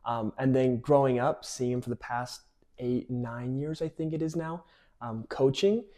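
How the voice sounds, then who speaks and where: Medium-pitched and mellow, this man speaks at a measured pace with an American accent. He's twenty-one, from California in the United States, and plays college soccer, recounting stories in a relaxed interview.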